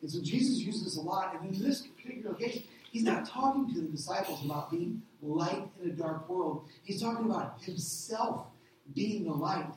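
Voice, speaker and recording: A middle-aged man preaching a sermon as a pastor, animated, asking rhetorical questions and acting out little voices. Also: sits high, moderate pace, slight background noise. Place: church hall. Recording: echoey hall, distant mic.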